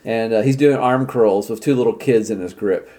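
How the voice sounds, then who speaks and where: A man's voice: fairly low pitch, moderate pace, mellow. A man narrating as game master in a tabletop role-playing game, playful and laughing often.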